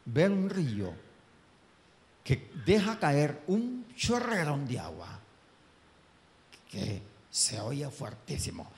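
Male preacher, impassioned sermon delivery, highly animated pitch, long hall reverb. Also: takes it slowly, long pauses. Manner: impassioned, swings between booming and hushed.

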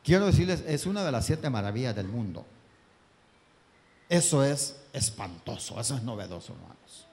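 A man's voice: sing-song, moderate pace. Impassioned man preaching in a reverberant hall. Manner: impassioned, swings between booming and hushed. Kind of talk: sermon.

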